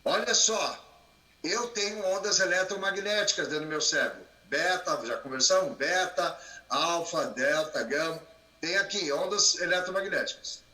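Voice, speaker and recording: A man giving an animated talk on a live stream, raising and lowering his voice for effect. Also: normal speed, reverberant, low-quality recording. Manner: expressive, plays with rising and falling voice. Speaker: guest speaker.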